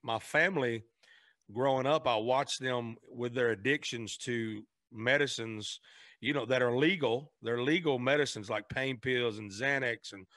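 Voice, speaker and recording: Man guest, earnest and halting, mid-pitched, dry close mic. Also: sharp tone, dry recording. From Memphis, Tennessee, raised in Arkansas. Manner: earnest, restarts sentences, faith-driven. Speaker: guest, singer. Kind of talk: casual conversation.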